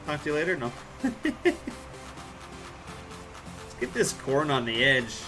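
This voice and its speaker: A man's voice: medium pitch, lively intonation, fast, bright, forceful tone, faint music behind. A man, live streaming a farming game and chatting casually with viewers in a rambling, joking way. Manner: laid-back, rambling, joking with chat.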